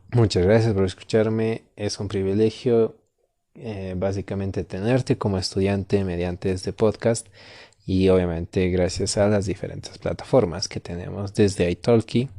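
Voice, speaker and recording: Patient Latin American Spanish tutor, mellow. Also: male voice, sits low, no echo, studio quality. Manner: patient, repeats words for learners. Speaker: Spanish tutor and podcast host. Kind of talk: slow, clear teaching podcast.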